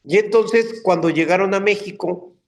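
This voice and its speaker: An older man, a dubbing actor telling stories in a casual interview, animated and slipping into character voices. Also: sits high, moderate pace. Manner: animated, slips into character voices mid-story. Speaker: voice actor and dubbing director guest.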